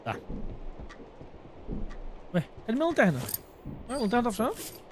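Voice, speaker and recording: A Brazilian male game streamer with a high-pitched, very lively voice that swings up and down. He talks informally to his chat, thinking out loud in loose slang, with faint noise behind him. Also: normal speed. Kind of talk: casual gameplay commentary.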